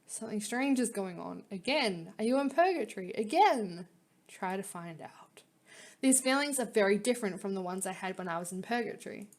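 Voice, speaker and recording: A woman's voice: mid-range voice, expressive, a little fast, few pauses. A woman reading a visual novel aloud, mixing dramatic narration with casual, wry asides. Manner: dramatic reading broken by wry, giggly commentary. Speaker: player reading game story aloud.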